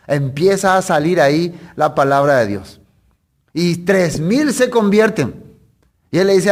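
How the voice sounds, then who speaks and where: Male preacher with a fairly high voice, teaching the Bible in a chatty sermon and tossing in rhetorical questions. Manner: conversational, asks rhetorical questions, corrects himself mid-sentence.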